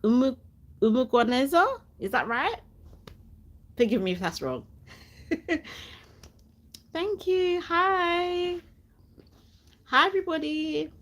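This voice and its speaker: A woman's voice: very high-pitched, expressive, slow pace, pauses often, sharp tone. A young woman hosting a casual livestream, chatty and laughing often, reading viewer comments aloud, with a cough sweet in her mouth and a sore throat. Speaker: channel host.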